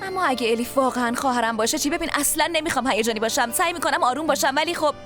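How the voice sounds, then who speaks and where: Woman dubbing a spirited young heroine, high voice. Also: over music, close to an everyday voice. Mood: hopeful. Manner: quick, emotional and reassuring. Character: spirited young woman searching for her sister. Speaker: lead character. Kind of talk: dubbed TV drama.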